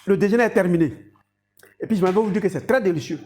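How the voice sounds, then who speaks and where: A woman's voice: mid-range voice, fast talker, mellow. A woman giving an instructive health talk and demonstration, addressing viewers directly as an educator.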